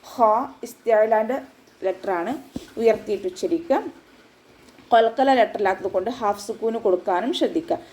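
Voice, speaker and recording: Mellow-voiced woman teaching recitation. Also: medium pitch, fairly quick, slight background noise, rough recording. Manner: patient step-by-step instruction, with frequent checks for understanding. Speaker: Quran teacher. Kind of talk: recorded tajweed lesson.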